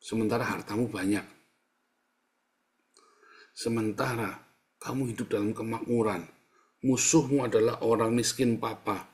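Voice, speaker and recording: A male pastor preaching in a colloquial, teasing manner, jumping between loud bursts and hushed asides. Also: lowish voice, steady tone, normal speed, pauses often. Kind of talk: sermon.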